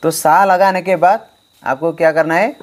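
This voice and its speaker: In this online music lesson, a man with a slightly high, steady voice talks at a moderate pace straight to his harmonium students. He's emphatic and repetitive, driving home the main points while a harmonium sounds faintly behind him.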